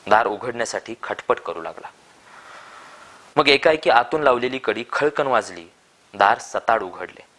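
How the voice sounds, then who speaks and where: A man reads a short story aloud, steady and measured. His pitch sits in an ordinary middle range.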